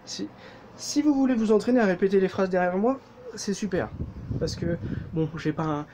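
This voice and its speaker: A man's voice: high voice, moderate pace, a little mellow, slight background noise, low-quality recording. A man with a French accent giving a casual, jokey language lesson, full of fillers and self-corrections. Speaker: German teacher.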